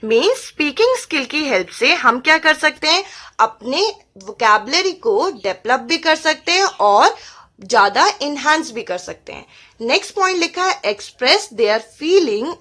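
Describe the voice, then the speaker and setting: Lively high-voiced woman teaching. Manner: reads English points slowly, then explains them in Hindi. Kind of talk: exam-prep lesson explaining slides.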